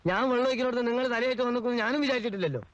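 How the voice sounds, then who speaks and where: Bickering house servant, middle-aged, comic, lo-fi film soundtrack. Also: male voice, extremely high pitch, a bit bright, dry recording. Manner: quick-tongued, argumentative, comic. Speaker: film actor. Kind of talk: 1980s film comedy acting.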